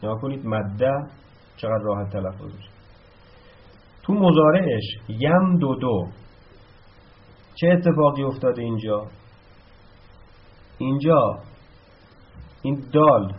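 A man teaching a grammar lesson, explaining step by step and answering his own questions, slowing down to spell out each verb form. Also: medium pitch. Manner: slows down to spell out verb forms. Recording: slightly dull, lo-fi recording.

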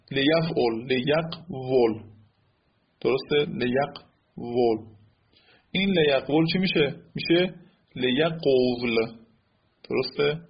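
A man teaching a lesson on Arabic grammar rules, often asking the class "right?" and slowly repeating example words. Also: medium pitch, gravelly, lo-fi sound, a little hiss or hum. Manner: asks the class rhetorical check questions like "right?".

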